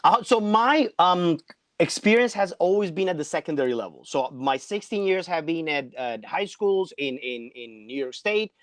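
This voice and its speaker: Man, middle-aged, high-pitched, chatty, lots of "like", dry close sound. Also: lively intonation, moderate pace, no room sound. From Colombia. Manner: chatty, peppers speech with "like". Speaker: guest, math teacher. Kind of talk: casual interview chat. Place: home basement.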